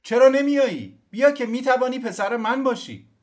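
A man's voice: extremely high pitch, darkish tone, pitched above the performer's own voice. A man voicing an eager exiled nobleman calling out. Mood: pleading. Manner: calling out, pleading.

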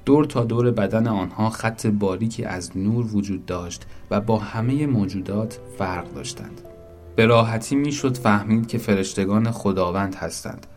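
A man narrating a story in a calm, even storytelling manner. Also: on the low side, faint music behind.

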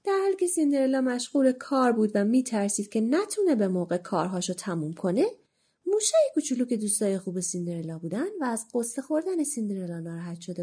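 A woman narrating a children's storybook in an expressive, animated way, with a husky voice. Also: medium pitch.

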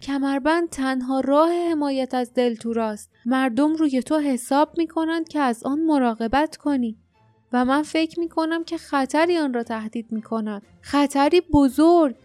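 A woman's voice: high voice, a little mellow, no echo, faint music behind, pitched above the performer's own voice, lightly acted. A woman reading as an urgent young warrior man. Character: young loyal male warrior, urgent and firm.

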